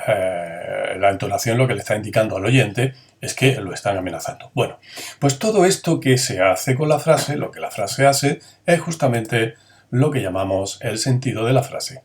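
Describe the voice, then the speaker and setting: A man's voice: lowish voice, moderate pace. A man teaching a grammar lesson. He asks his students questions, answers them himself, and acts out the intonation of each example sentence.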